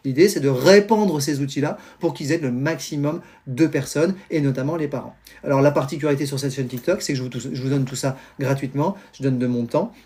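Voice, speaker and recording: A middle-aged man talks parents through homework advice on a live stream. His pitch sits mid-range for a man, and he explains with lots of hesitations and restarts. He sounds like a teacher used to addressing a group. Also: brisk, few pauses. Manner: animated, explanatory, many fillers and restarts. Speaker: teacher and pedagogy trainer. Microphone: phone or computer mic on a live stream.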